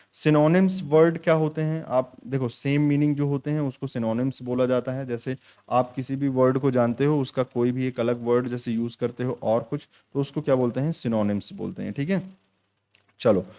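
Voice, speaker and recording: A man teaching an exam-prep lesson to students, explaining in Hindi and reading English quiz lines slowly, with frequent repeated check-ins. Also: mid-range voice, a little mellow. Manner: repeats "ठीक है" often.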